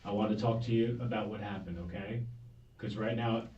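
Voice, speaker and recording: A man's voice: lowish voice, a little fast. Male detective, soothing repetitive questioning, old interrogation tape, distant dull echoey sound. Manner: calm, soothing, repeats "okay?" constantly. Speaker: sheriff's detective. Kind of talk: police interrogation. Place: police interview room.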